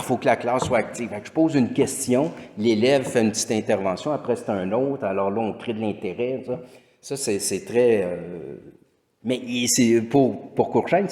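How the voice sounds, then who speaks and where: With a medium-pitched, darkish voice, a middle-aged man from Quebec delivers a conference lecture as a teacher in a Québécois French accent. He rambles, restarting often and filling pauses, and the hall around him is echoey with long reverb.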